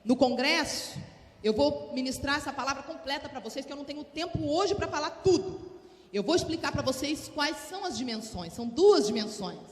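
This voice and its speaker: A woman pastor preaching a lively sermon, calling on the congregation to answer. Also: high voice, fairly quick. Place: large church hall. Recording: echoey church hall with long reverb.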